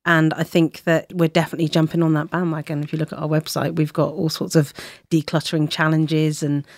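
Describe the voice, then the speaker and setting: A woman's voice: low-pitched, level tone, brisk, dry recording, clean studio sound. A woman talking candidly as a business guest in a casual panel chat. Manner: chatty, candid.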